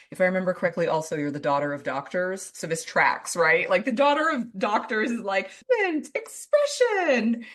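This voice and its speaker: Woman host, low voice, chatty and gushing, casual interview. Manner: effusive, chatty, lots of "like". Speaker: podcast host.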